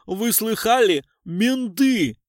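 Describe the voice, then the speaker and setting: A man voicing a shaggy, drunk male tramp who talks loud, brash and slangy. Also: on the high side, animated, takes it slowly, no echo, clean studio sound. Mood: mocking.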